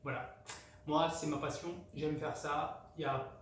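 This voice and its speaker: His voice is on the high side with little pitch movement and a slightly slow pace: a man from France, a home cook hosting a channel, giving a casual cooking tutorial full of hesitations, fillers and restarts. The distant mic picks up a very echoey room and clear background noise.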